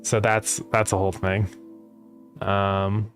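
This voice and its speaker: A man's voice: on the low side, little pitch movement, slow pace. A man chatting casually as a game developer livestreamer, rambling as he thinks aloud, his speech slightly slurred by retainers. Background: music.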